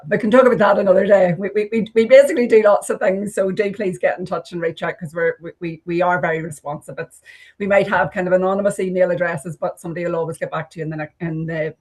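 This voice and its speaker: A woman's voice: fairly low pitch, darkish tone, slightly rough. A woman representing a business agency on a webinar, speaking in a self-deprecating way with many fillers. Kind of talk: online webinar presentation.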